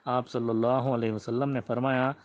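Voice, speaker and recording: A man reading a religious biography aloud in a measured, reverent way and ending with a prayer. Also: mid-range voice, little pitch movement. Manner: measured and reverent, with frequent honorifics. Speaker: religious history reader. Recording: slightly muffled, dull audio.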